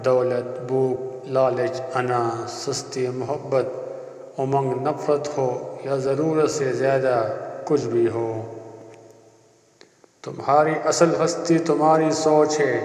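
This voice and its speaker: Inspirational spiritual quotes are narrated from a script by a man with a medium-pitched, darkish voice. He reads solemnly and deliberately, leaving measured pauses, in an echoey space with long reverb.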